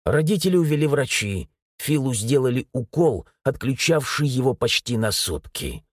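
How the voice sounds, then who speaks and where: Husky male audiobook narrator. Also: medium pitch, very animated, moderate pace, dry recording, studio quality. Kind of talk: scripted narration.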